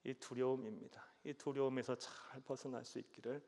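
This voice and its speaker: A man's voice: mid-range voice, level tone, fairly quick, darkish tone. A male pastor preaching a sermon, questioning the congregation and often answering himself with a short "yes," in a church sanctuary with long reverb.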